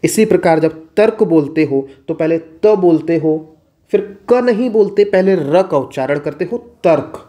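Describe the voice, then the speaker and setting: Male tutor, warm low tone, patient exam-prep explainer who talks to himself in questions. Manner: asks and answers his own questions. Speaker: teacher. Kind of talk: exam-prep Hindi lesson.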